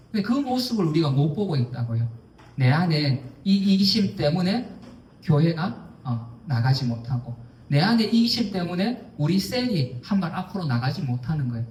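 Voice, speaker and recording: A male pastor delivers an emphatic sermon with a fairly high voice. He slips into acting out quoted lines and leans on fillers as he goes. The sound comes from some distance off in an echoey church hall. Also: a little mellow, a little hiss or hum. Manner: emphatic, acts out quoted speech, many fillers. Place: church sanctuary. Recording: echoey hall, voice heard from afar.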